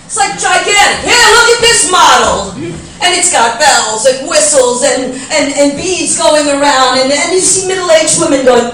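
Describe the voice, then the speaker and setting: A woman's voice: high-pitched, moderate pace, few pauses, fairly bright tone, a little hiss or hum. A middle-aged woman doing stand-up comedy, telling brash gossipy stories and acting out the voices of the people in them. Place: comedy club stage. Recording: echoey club sound from far off.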